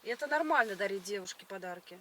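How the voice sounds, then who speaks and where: A woman's voice: mid-range voice, lively intonation, fast talker, fairly bright tone, recorded from a distance, slight background noise. A woman chatting casually and flirtatiously, with an insistent, coquettish manner. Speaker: date of the prankster. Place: inside a car.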